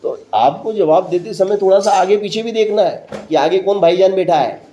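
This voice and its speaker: A man's voice: high voice, normal speed, mellow, slight background noise, poor audio. A man teaching a maths lesson to a classroom of students, repeating each step and quizzing them with questions. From central India.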